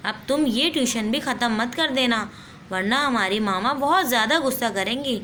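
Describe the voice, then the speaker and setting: Bossy tattletale schoolgirl for a doll story, voiced by a woman, sharp and bright. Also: fairly high pitch, normal speed, slight background noise, lightly acted. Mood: annoyed. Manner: scolding, threatening to tell on others. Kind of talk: doll play story acting.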